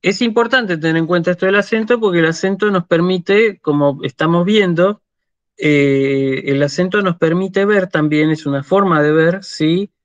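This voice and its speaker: This Argentine-accented man speaks at a fairly high pitch while delivering an online university lecture, pausing patiently to check on his students. The audio has no echo and sounds dull, lo-fi and dry.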